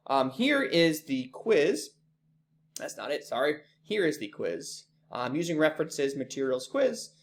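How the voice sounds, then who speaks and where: A man teaching an online class, talking casually with many ums and quick apologies for slips. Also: on the high side.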